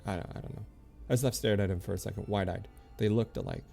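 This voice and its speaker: A man with a low, gravelly voice reads game lore aloud on a stream. His tone is mellow and dark. He stumbles over the words and corrects himself as he goes. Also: fairly even intonation, soft background music. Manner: halting reading with stumbles and self-corrections.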